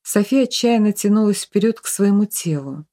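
Mellow-voiced woman narrator. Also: medium pitch, normal speed. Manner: even storytelling. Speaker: audiobook narrator. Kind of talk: scripted narration.

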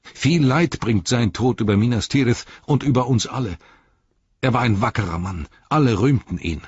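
Man voicing a proud earnest horse-lord, forthright, deep husky voice, dry close sound. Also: normal speed, darkish tone, dry recording, lo-fi sound.

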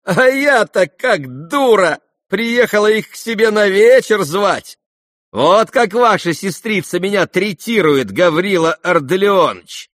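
A man's voice: high voice, expressive, measured pace, fairly bright tone, no room sound, clean studio sound, voice pushed up. A man doing a scornful mocking young woman. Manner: teasing, scornful.

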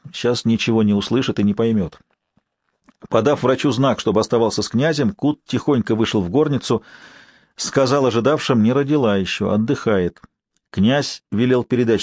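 A man's voice: a little mellow, dry recording, clean studio sound. A man narrating a historical novel as an audiobook, reading evenly and lifting his voice for the characters' outbursts. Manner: reads evenly, raises pitch and volume for characters' outbursts.

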